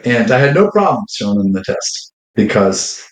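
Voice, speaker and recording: A man, a teacher and former driving instructor, explaining his methods in relaxed casual chat. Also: fairly low pitch, unhurried, reverberant, poor audio.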